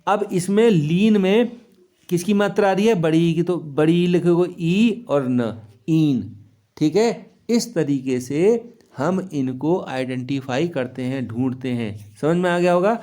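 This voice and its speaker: A man's voice: on the high side, takes it slowly, dark tone. A man teaching children a grammar lesson, asking questions and answering them himself, repeating key words and checking if they follow.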